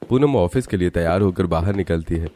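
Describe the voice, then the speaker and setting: A man narrating an animated cartoon story in a steady storytelling manner. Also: low-pitched, brisk, slight background noise.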